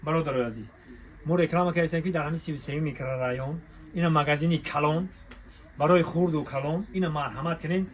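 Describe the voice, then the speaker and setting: A man with a fairly high voice and a Tajik accent works as a shop promoter inside a large clothing shop, reeling off spontaneous, repetitive bazaar-style patter that urges people to come, look and buy the clothing deals on a walk-through. The recording is rough, with busy crowd noise surrounding him.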